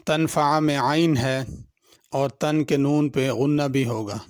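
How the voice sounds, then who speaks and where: Man, Pakistani Urdu accent, tajweed teacher, methodical step-by-step explaining, very slow delivery, dry recording. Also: medium pitch, steady tone, no room sound. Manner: patient, methodical, repeats each word slowly before explaining the rules. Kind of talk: tajweed lesson, alternating slow drawn-out recitation with spoken explanation.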